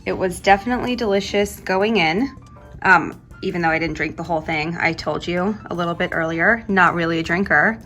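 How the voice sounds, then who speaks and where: A woman's voice: on the low side, brisk, pushed and bright, soft background music. A woman who works as a flight attendant, chatting candidly through her workout routine in a hotel room. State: out of breath at times. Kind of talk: casual workout vlog.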